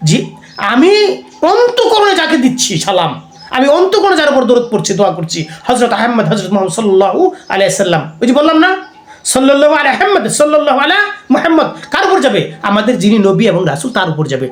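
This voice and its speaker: Rapid, high-pitched Islamic preacher; conversational lecture full of rhetorical questions; echoey room. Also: sing-song. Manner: conversational, keeps asking listeners rhetorical questions. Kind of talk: religious lecture.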